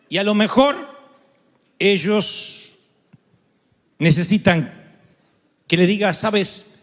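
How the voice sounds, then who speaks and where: Un pastor argentino de voz aguda predica con una energía teatral, alternando relatos con humor y gritos repentinos. Su voz resuena con una larga reverberación, como en un gran salón de iglesia. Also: male voice, a little high. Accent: Argentine Spanish. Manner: animated storytelling with sudden shouts and humor. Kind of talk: sermon. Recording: long reverb of a large hall.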